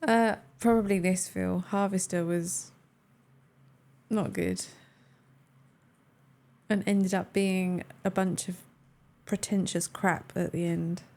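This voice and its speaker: A woman's voice: fairly low pitch, steady tone, slow pace, pauses often, warm tone. A woman co-hosting a game stream, chatting casually and teasing her co-hosts. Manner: chatty, teasing, laughs easily. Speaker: stream co-host. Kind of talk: casual chat.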